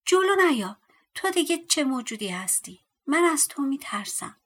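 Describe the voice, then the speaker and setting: A woman's voice: sits high, big pitch swings, voice pushed up. Woman voicing a timid young farmhand. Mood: frightened. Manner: frightened, stammering.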